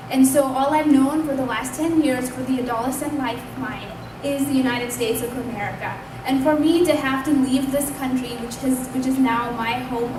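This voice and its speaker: High-voiced young woman in echoey hall. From Pakistan. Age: 20s. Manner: earnest, conversational, speaks up loudly. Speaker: invited speaker at a community event. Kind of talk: personal testimony speech. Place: community hall. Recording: echoey room, distant mic, background noise.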